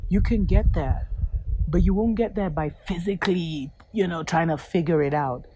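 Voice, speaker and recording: A woman hosting her own show, giving earnest, unhurried spiritual encouragement to viewers with soft asides. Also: lowish voice, slight background noise. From Kenya. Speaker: host.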